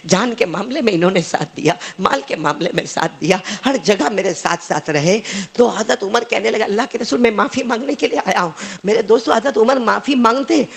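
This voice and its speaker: A man's voice: sits high, creaky, slightly rough. A man preaching a sermon, telling stories animatedly and acting out the voices, calling on the listeners to answer.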